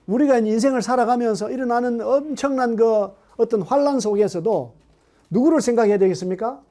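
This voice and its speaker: Man, middle-aged, pastor, sermon, high voice, mellow tone, lively questions to the pews. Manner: animated, asks the congregation questions. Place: church hall.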